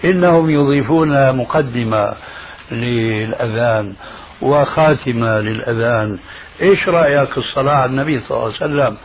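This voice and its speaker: A man's voice: mid-range voice, fairly quick, a little hiss or hum. A man answering a caller on a radio show as a religious scholar, pressing with argumentative rhetorical questions. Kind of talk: call-in radio Q&A. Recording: muffled lo-fi radio recording.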